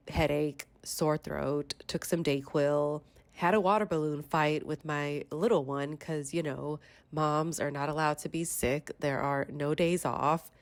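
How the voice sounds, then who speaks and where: Low-pitched woman in her thirties, congested and stuffy, rambling vlog voiceover, very dry close sound. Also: no room sound. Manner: chatty, rambling storytelling. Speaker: vlogger. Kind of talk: casual voiceover chat.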